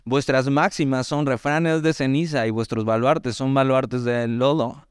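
A Mexican man with a Mexican Spanish accent preaching a sermon, teaching through a Bible passage in a conversational way with lively asides and slow readings of scripture. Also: mid-range voice, clear, resonant tone, dry recording, studio quality. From Mexico, Veracruz. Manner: conversational, animated asides, reads scripture slowly.

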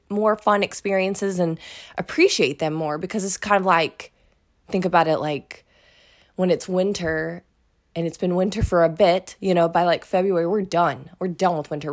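A woman hosts a podcast in a relaxed, conversational way. Her voice is scratchy, and she rambles along with frequent fillers. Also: medium pitch. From Oklahoma. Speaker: podcast host. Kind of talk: casual podcast chat.

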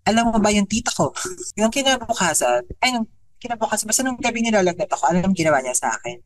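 A woman, co-hosting a podcast, telling a spooky personal story in a chatty, animated way and mixing in English. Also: mid-range voice, fast, no echo, rough recording. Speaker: podcast co-host. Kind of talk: casual storytelling chat. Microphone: podcast microphone.

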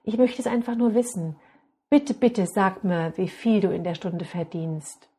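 A woman's voice: mid-range voice, measured pace, mellow, husky. A woman reading out a small boy who earnestly begs his father. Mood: pleading.

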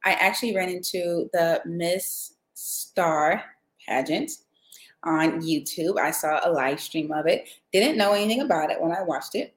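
Lowish voiced woman rambling on her podcast, lots of ums, echoey room. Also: a little slow. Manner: chatty, rambling with fillers. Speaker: podcast host. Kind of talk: casual chat.

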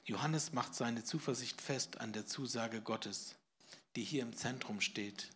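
A man preaching a sermon to a live congregation, swinging from hushed whispers to loud emphasis and putting questions to his listeners. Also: mid-range voice, a little slow, slight background noise. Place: church service, in front of a congregation.

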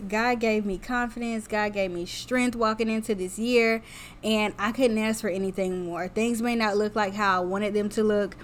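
A woman in her thirties talks alone into her podcast mic in an open, heartfelt way. Her voice sits at an ordinary middle pitch for a woman. She speaks to her listeners as y'all, like she is chatting with friends. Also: slight background noise. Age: 30s. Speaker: podcast host. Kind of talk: solo podcast monologue.

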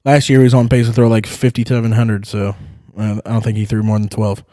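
A man's voice: lowish voice, quick pace, no echo, clean studio sound. A man hosting a sports podcast, chatting casually about football picks with rowdy, profane outbursts. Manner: rowdy, swearing, excitable outbursts.

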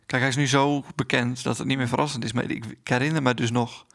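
A man chatting with a co-host, then reading a fairy tale aloud in a calm, measured way. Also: medium pitch, vocal fry. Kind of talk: conversational chat and storybook reading aloud.

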